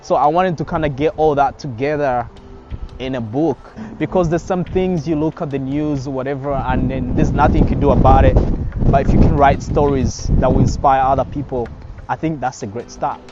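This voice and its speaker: A man's voice: medium pitch, normal speed, very noisy. A man in his twenties, originally from Congo, telling his story in a documentary interview in an upbeat, conversational way. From Democratic Republic of Congo. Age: 20s. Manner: upbeat, conversational, frequent "you know". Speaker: filmmaker and DJ. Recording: slightly muffled, with faint music behind.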